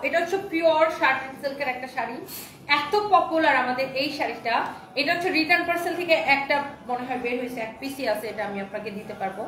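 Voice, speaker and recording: A woman's voice: high-pitched, a bit bright. A woman hosting a live sales stream, reading viewer comments aloud in an enthusiastic, chatty patter. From Bangladesh. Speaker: online saree seller hosting a live stream. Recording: roomy echo.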